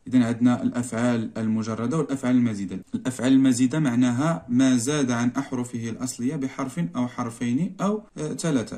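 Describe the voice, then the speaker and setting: A man with a Moroccan Arabic accent, a primary school teacher going through a worksheet and repeating each word slowly, drawn out for the pupils. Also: mid-range voice, darkish tone. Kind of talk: explaining a worksheet lesson.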